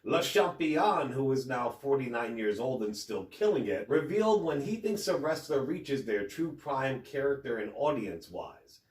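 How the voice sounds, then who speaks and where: A man's voice: mid-range voice, animated, moderate pace, hardly any pauses, recorded from a distance. A man hosting a wrestling news show, reading headlines and quotes in a casual way. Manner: casual, reads quotes in plain voice. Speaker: host. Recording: roomy, off-mic home recording.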